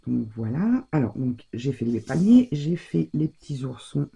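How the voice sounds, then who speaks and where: A woman's voice: a bass voice, sing-song, a little slow, vocal fry, mellow, husky. A woman giving casual, chatty commentary on her scrapbooking, thinking aloud as she works. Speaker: scrapbooking crafter.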